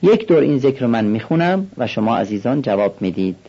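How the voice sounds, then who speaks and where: A man teaching how to recite a prayer call, explaining calmly and slowing down to demonstrate the pronunciation. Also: mid-range voice, slightly rough, lo-fi sound. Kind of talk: instructional explanation with recited examples.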